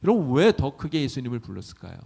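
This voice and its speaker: A man's voice: mid-range voice, very animated, fast talker, vocal fry, mellow, breathy edge. A male pastor preaching a sermon, often asking the congregation questions.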